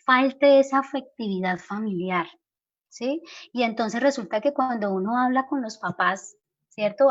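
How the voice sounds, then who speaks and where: A woman's voice: medium pitch, muffled recording. A Colombian woman school counselor giving an earnest parenting workshop talk, often checking in with her listeners. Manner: earnest, keeps asking "¿sí?" to check in.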